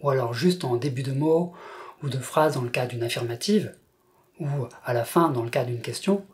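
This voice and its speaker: A speaker from France narrating a scripted language lesson in a measured, explanatory way. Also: mid-range voice. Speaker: language teacher.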